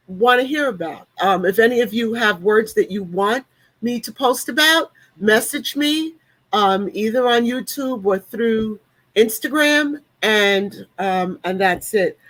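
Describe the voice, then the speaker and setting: A woman's voice: medium pitch, fairly bright tone, dry recording, poor audio. Chatty woman in her late sixties. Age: 60s. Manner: chatty, upbeat, with frequent ums. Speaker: panelist and leadership coach. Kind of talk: casual online panel talk.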